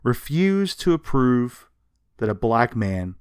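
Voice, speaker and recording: With a medium pitch and a sing-song delivery, this man takes his time, his tone clear and resonant. He's a podcast co-host casually and emphatically recounting comics history, sarcastic and occasionally swearing, in a dry, studio-quality recording.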